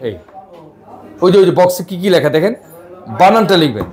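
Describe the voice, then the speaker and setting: A high-voiced man with a Bangladeshi Bengali accent teaches a live language class. He coaxes his students along, repeats himself and spells words out slowly letter by letter. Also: very animated, a little mellow.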